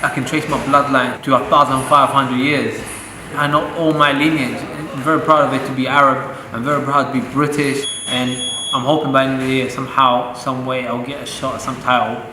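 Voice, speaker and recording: A young Saudi-born boxer answers pre-fight questions briskly, his medium-pitched voice showing little pitch movement. Earnest and proud, he throws in the odd joke. Loud ambient noise echoes around the boxing gym where he's recorded.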